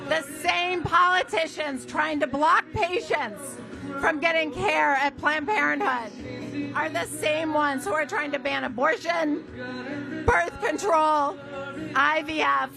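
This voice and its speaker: A woman's voice: high voice, slow, vocal fry, music in the background. A woman delivering an impassioned rally speech as an advocate, emphatic and given to repeated phrases, speaking at an outdoor event.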